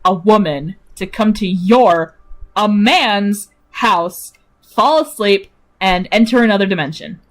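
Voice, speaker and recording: A woman's voice: mid-range voice, slow pace, natural voice, poor audio. A woman voicing Marina, a blunt young woman reacting with disbelief to a strange request. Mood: incredulous. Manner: blunt, incredulous.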